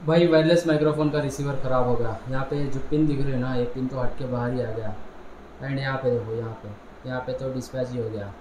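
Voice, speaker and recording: A man's voice: medium pitch, fairly even intonation, fast talker, noisy background. A man chatting casually on his vlog, rambling and repeating himself as he calls his viewers brother, filmed outdoors on a rooftop with a phone. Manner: rambling, repetitive, addresses viewers as bhai. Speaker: vlogger. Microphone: phone camera.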